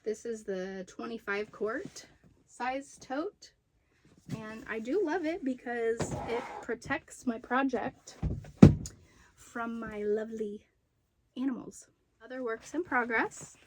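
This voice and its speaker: A woman's voice: on the high side, noisy background. Woman, craft vlogger, chatty, rambling, slightly out of breath, at home. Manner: chatty, rambling, pauses to recall details. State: slightly out of breath after being sick. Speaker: crochet and knitting vlogger. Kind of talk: casual show-and-tell of craft projects. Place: room at home with poor lighting.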